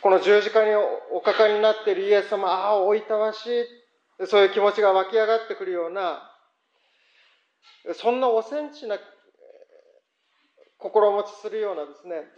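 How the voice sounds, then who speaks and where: A man's voice: sits high, fairly even intonation, moderate pace, pauses often, roomy sound, muffled recording. A man, a pastor, leading a prayer and then preaching in an earnest, reflective way. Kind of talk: prayer and sermon.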